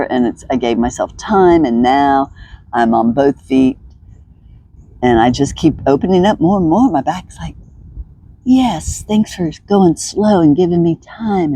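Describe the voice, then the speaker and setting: With a warm, husky bass voice, a woman guides an outdoor stretching session in the sun. She is upbeat and chatty, thinks aloud through each move, and laughs often.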